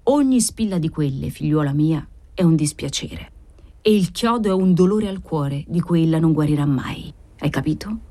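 A woman's voice: sits low, animated, normal speed, warm tone. A woman reader voicing a solemn old Neapolitan woman sorceress who speaks in grave, incantatory tones. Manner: solemn, incantatory, preaching faith in God.

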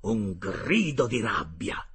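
A man reading a classic adventure novel aloud as an expressive first-person audiobook narrator. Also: on the low side, slow, breathy edge.

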